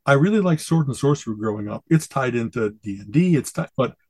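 A man's voice: mid-range voice, expressive, fast talker, darkish tone, husky, no echo. A man co-hosting a podcast in casual chat, enthusiastic and rambling, quoting catchphrases with relish. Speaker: podcast co-host.

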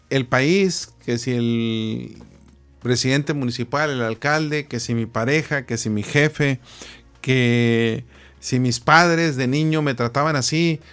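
This middle-aged man, a guest on the subject of personal growth, tells anecdotes in a conversational way and animatedly acts out the people in them. His voice is mid-range and clean.

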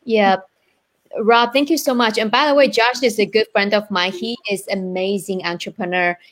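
A woman's voice: mid-range voice, fairly even intonation, moderate pace. A woman from China with a Chinese accent, speaking earnestly as a guest entrepreneur on a live online interview show, often checking in with "right?".

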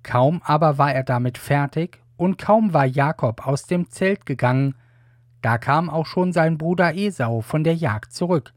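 Male audiobook Bible reader, calm and measured, very dry room. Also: a little high, dry recording. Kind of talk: scripted Bible audiobook reading.

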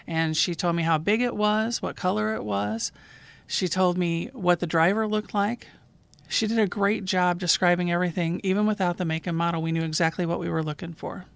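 A woman, a 911 dispatcher who hosts her own podcast, calmly narrating a true call in scripted form. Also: fairly low pitch, fairly quick, gravelly, dry recording.

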